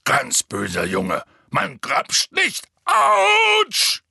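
A man voicing a huge, clumsy half-giant man who calls out loudly and strains his voice to coax and scold, in an audiobook. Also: sits low, measured pace, creaky, breathy edge, dry recording, clean studio sound, pitched below the performer's own voice, exaggerated voice. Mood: shouting, scolding. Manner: loud, strained calling out, pleading and scolding.

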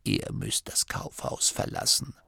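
A man voicing a frail, dying old gnome abbot who can barely speak above a breathy whisper. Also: measured pace, bright, forceful tone, no room sound. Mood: weary. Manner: faint breathy whisper, weary and dry-witted.

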